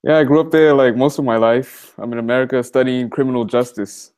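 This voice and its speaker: A man's voice: medium pitch, a little fast, smooth. Laid-back 18 yo guy from malawi on a video call from a library study room, says "like" a lot. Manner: relaxed, conversational, many fillers like "like" and "you know". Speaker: interview guest, college student. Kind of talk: casual video-call interview.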